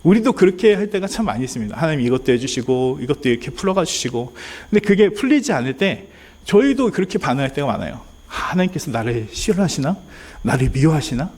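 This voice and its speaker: A man's voice: a little high, big pitch swings, fast, a little mellow. A man preaching a sermon as pastor, earnest and speaking straight to the congregation, at times acting out pleading prayers. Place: church sanctuary.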